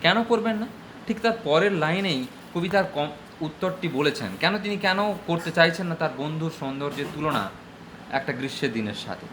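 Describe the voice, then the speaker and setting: A middle-aged man with a Bengali accent lecturing as a high school English teacher, slow and deliberate in English, quicker in Bengali. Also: a bit bright, a little hiss or hum. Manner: switches between slow deliberate English and rapid explanatory Bengali. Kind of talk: classroom lecture.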